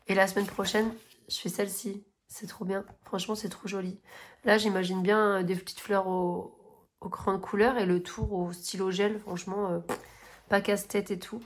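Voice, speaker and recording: A woman's voice: medium pitch, flat delivery, moderate pace. A woman in her thirties chatting casually in a coloring vlog, gushing and rambling with many fillers and restarts. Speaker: coloring vlogger. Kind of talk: casual chat showing coloring books and finished pages.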